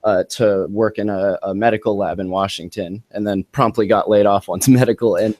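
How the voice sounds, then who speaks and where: A man's voice: fairly low pitch, fairly even intonation, normal speed, a little mellow, no echo. A man hosting a podcast in a loose, rambling, laid-back casual chat. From Montana. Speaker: podcast host.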